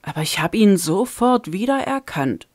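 A woman's voice: mid-range voice, animated, moderate pace, a little mellow, no room sound, studio quality, pitched above the performer's own voice, close to an everyday voice. A woman reading the part of an eager young woman in a storybook. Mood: excited. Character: excited young woman, amazed at a memory.

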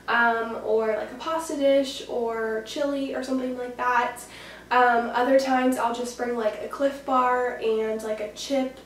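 A woman's voice: fairly high pitch, slight background noise. A nineteen-year-old woman chatting casually in a vlog from home, full of fillers. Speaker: vlogger. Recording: echoey room, mic far off.

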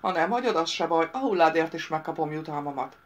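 A woman voicing a boastful, dim male monster-soldier bounty hunter with a loud, gruff manner in an audiobook. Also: deep voice, animated.

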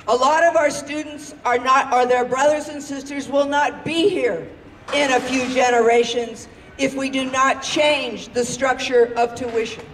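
A woman's voice: high voice, reverberant. A middle-aged woman, a faculty member, gives an impassioned protest speech at an outdoor campus rally, speaking into a handheld mic. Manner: impassioned, rousing oratory. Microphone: handheld mic through a PA speaker. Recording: distant PA sound outdoors with noise.

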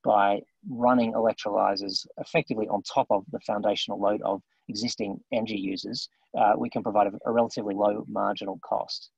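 A man presenting remotely over a video call whose degrading stream drops out, speaking in a halting way with many restarts. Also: fairly low pitch, steady tone, vocal fry, a little mellow, husky, no room sound, lo-fi sound. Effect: degrading stream audio that drops out. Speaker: remote presenter at an investor briefing. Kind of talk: formal briefing talk.

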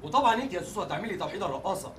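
An actor with an Egyptian accent playing a bossy police officer who gives brisk orders. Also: male voice, high-pitched, lively intonation, distant mic, slight background noise. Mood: stern. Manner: brisk, commanding.

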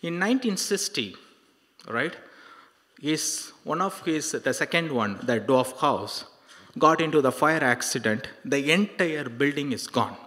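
A middle-aged man preaching a story to young people, haltingly, with repetitions and rhetorical questions, into a handheld microphone. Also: on the high side, expressive, pushed and bright. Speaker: preacher at a youth service. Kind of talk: sermon telling a life story. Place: large indoor hall on a stage. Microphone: handheld microphone held close. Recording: hall reverb on handheld microphone.

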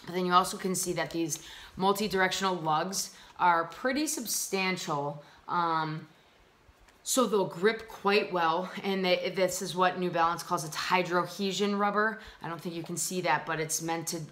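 Bright-voiced young woman chatting about gear. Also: fairly low pitch, normal speed. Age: young adult. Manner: chatty and upbeat, with frequent ums. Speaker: vlogger reviewing hiking gear. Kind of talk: casual gear review chat. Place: small room indoors at a table.

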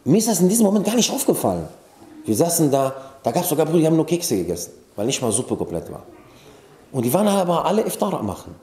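A man's voice: a little high, big pitch swings, fast talker, warm tone. A man giving an informal sermon. He tells stories casually and mixes in Arabic religious terms. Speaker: preacher. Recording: echoey room.

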